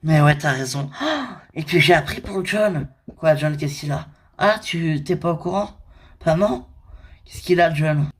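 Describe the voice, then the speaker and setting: A performer, voicing every character of an amateur toy-figure drama in casual everyday speech. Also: measured pace. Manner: shifts pitch between characters, casual everyday French with fillers.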